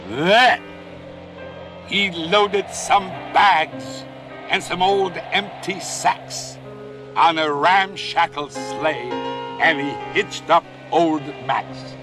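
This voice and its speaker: A man narrating a rhyming storybook in an expressive, sing-song way. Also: a little high, drawn-out words, music in the background. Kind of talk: storybook reading in rhyme.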